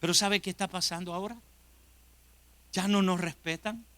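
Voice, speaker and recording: A man's voice: high voice, steady tone, normal speed, a bit bright, dry recording. A man, a pastor, preaching a sermon with impassioned emphasis and direct questions to his congregation, in a church.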